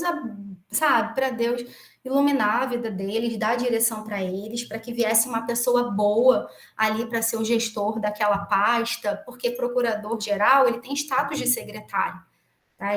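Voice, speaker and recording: A Brazilian woman gives a lecture and weaves in a personal story in a chatty, digressive way. Her voice sits high. It rings out in a reverberant room. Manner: chatty, many asides and restarts. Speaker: municipal attorney giving a lecture. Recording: echoey room.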